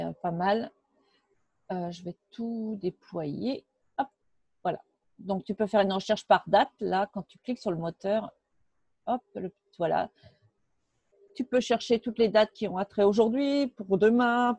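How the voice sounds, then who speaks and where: A woman walks through a software tutorial in a relaxed, chatty way, tossing in little asides as she clicks along. Her voice is mellow and dark, of middling pitch. The sound is dry and close, with no room around it. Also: no echo. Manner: chatty, loose, full of "hop" and "voilà" as she clicks. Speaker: tutorial presenter. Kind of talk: casual screen-share software tutorial.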